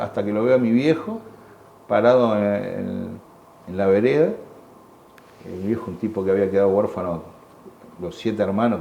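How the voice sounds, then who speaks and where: Older Argentine man, low and mellow, recorded in an echoey room. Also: gravelly, lo-fi sound. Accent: Argentine Spanish. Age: 60s. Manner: halting, repeats words, acts out quoted voices. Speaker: war veteran interviewee. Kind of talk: emotional personal testimony. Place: museum room. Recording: echoey room with faint background hum.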